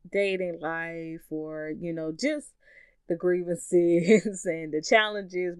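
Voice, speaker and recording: A woman's voice: on the low side, a little mellow, no echo. A woman hosting a solo podcast, talking earnestly and conversationally with emphatic points. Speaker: podcast host.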